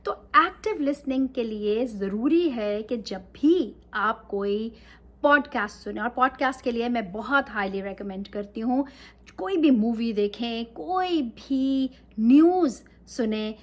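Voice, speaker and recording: A woman teaching English in a casual talk, mixing Urdu and English and often checking in with her listeners. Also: fairly high pitch.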